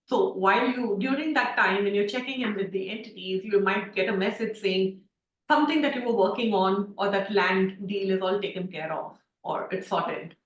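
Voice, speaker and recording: This class facilitator is heard off-mic on a video call with a roomy sound and the highs cut off. She speaks in a mid-range voice at an ordinary pace, chatting through stories full of fillers as she teaches online.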